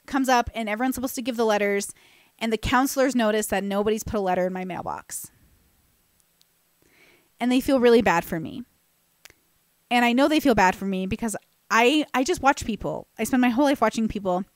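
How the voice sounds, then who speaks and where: A woman's voice: a little high, brisk, long pauses, no echo. Chatty young woman, close dry studio mic. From California. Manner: chatty, self-deprecating, many restarts and fillers. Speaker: podcast host. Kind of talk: casual storytelling monologue. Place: bright room with plants. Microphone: boom-mounted studio mic close to mouth.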